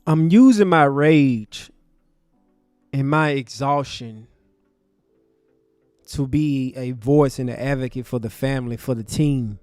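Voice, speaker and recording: A man's voice: takes it slowly, pauses often, clean tone, no echo, soft background music. Fired-up man ranting on a livestream. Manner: fiery, profane, swings from shouting to low intensity. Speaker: livestream commentator. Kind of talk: impassioned livestream commentary. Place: home desk. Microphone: desk mic.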